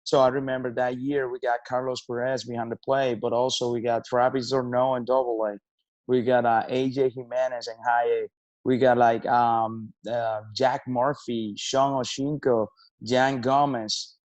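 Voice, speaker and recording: Man, thirties, monotone delivery, halting answers, dry close sound. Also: medium pitch, no echo, highs cut off. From Venezuela. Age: 30s. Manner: halting, many restarts and fillers, non-native phrasing. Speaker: baseball manager. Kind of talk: casual interview answers.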